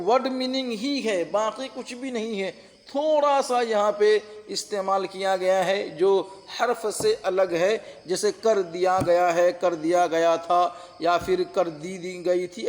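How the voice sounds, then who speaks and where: High-pitched and unhurried, the man speaks with fairly even intonation in a big-room sound. He is an Urdu-Hindi translation teacher patiently running an online exam-prep lesson, repeating terms and confirming listeners are following.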